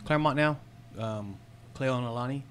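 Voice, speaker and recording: A man in his thirties, a podcast guest from San Diego, talking about his life in a relaxed, unhurried way with fillers, into a studio mic. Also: mid-range voice, a little hiss or hum. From San Diego, California. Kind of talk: casual podcast chat. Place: small studio with red curtains. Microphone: studio mic on boom arm, headphones.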